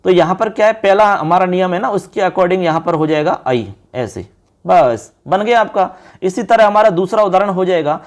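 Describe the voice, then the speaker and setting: A high-voiced man teaching a grammar lesson. He works through each example patiently, asking the class a question and answering it himself. Key syllables come out slow and drawn out as he writes them on a board. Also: lively intonation. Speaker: Sanskrit teacher.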